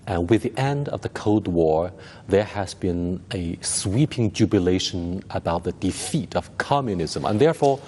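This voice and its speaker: Chinese-accented guy interviewing, low voice, formal and deliberate, echoey hall sound. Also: darkish tone. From China.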